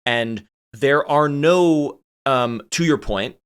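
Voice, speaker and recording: A man's voice: medium pitch, takes it slowly, a bit bright, smooth. A man hosting a casual interview, asking curious, rambling questions. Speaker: podcast host.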